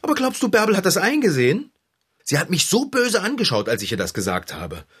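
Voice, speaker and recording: A man playing an indignant young male friend who tells his grievance animatedly, with big jumps in pitch. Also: huge pitch swings, brisk, a bit bright, slightly rough, full character voice.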